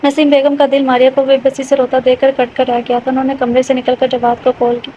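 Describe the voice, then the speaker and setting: A woman narrating a romance audio novel in a steady, matter-of-fact reading. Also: high-pitched. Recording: dull lo-fi with faint hiss.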